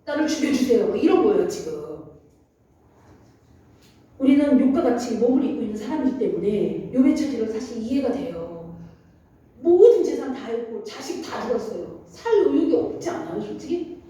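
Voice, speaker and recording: A woman's voice: on the high side, big pitch swings, moderate pace, dark tone. A woman pastor preaching a sermon in a church, speaking animatedly and acting out scripture quotes. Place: church sanctuary. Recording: very echoey hall, voice far from mic.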